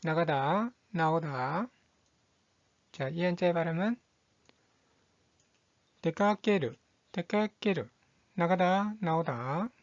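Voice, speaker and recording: A woman teaching Japanese vocabulary, reading each word slowly and repeating it twice in a patient, methodical drill. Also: fairly low pitch, no room sound, highs cut off. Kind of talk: slow, deliberate vocabulary drill.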